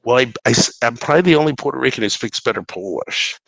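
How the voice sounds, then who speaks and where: A man with a bright, forceful voice rambles as a caller on a talk show. He stammers and restarts often, with a gravelly edge to his casual speech. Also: mid-range voice, animated, fast talker, no room sound, rough recording. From Brooklyn, New York. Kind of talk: casual political call-in talk.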